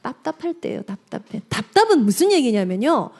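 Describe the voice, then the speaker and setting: Woman evangelist for a parent seminar talk: high voice, very animated delivery, engages the room directly. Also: brisk, creaky. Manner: animated, addresses the audience directly, acts out quotes. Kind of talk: lively seminar lecture.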